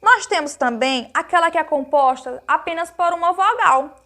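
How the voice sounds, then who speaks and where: A Brazilian primary school teacher with a high, light voice records a grammar lesson for small children, explaining each point slowly and patiently, asking her pupils questions and answering them herself. She's affectionate and full of diminutives, and her delivery is expressive, pushed and bright.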